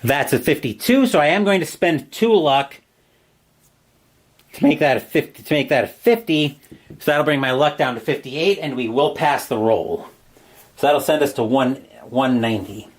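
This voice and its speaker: A man's voice: mid-range voice, animated, moderate pace. A man playing a solo horror gamebook alone, reading the entries aloud with dramatic narration and asides about his dice rolls.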